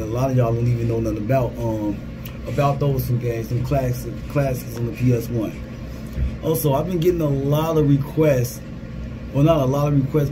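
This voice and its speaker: A man in his thirties talks informally as a gaming creator updating his followers. His voice sits at a middle pitch and he circles back over his phrases. The phone recording, made in a small booth, carries clear ambient and vehicle noise. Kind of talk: casual vlog update. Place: small security guard booth.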